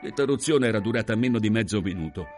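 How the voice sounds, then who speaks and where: A man narrating a novel in a measured, expressive voice. His pitch sits low but moves in lively curves. Soft music plays faintly under the reading. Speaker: audiobook reader. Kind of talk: literary audiobook narration.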